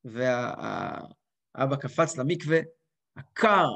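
A man teaching a lively spoken lesson as a rabbi, acting out quotes and voices with big swings. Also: medium pitch, creaky.

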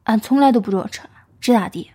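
A woman's voice: fairly high pitch, fairly quick, mellow, husky. A woman voicing a blustering Northeastern Chinese thief. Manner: blustering, plays dumb. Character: cocky male petty thief in his thirties.

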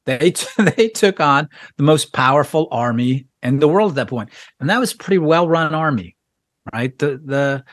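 A man's voice: on the high side, animated, moderate pace, a bit bright, no room sound. An American man speaking as a guest journalist in a casual interview, often restarting his words and laughing. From United States. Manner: stammering restarts, frequent laughs.

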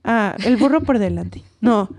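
A woman's voice: on the high side, measured pace. A young Mexican woman in her twenties, co-hosting a casual chat and telling a story with acted-out quotes. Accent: Mexican Spanish. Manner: animated storyteller, acts out quotes. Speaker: podcast co-host.

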